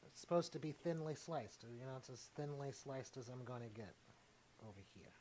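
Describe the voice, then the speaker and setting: A man's voice: medium pitch, normal speed, dark tone, slight background noise. A man hosting a casual cooking livestream, playful and chatty, talking straight to his viewers. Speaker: cooking show host.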